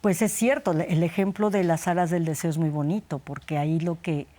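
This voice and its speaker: Brief: woman expert guest, lowish voice, reflective, self-correcting. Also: steady tone, fairly quick, mellow. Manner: thoughtful, restarts mid-sentence. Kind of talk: studio conversation on psychology.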